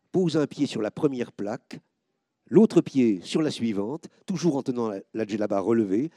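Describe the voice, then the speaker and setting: A man reading first-person stories aloud, expressive, lifting his voice sharply when he quotes the people in them. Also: medium pitch, no room sound, clean studio sound. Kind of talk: scripted narration.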